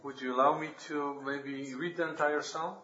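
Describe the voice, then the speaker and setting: A Polish lay preacher gives an earnest, emphatic scripture reading and devotional talk at a church meeting. His voice is a little high, with fairly even intonation and normal speed, and crowd noise can be heard. The recording sounds roomy, distant and dull, as in a church.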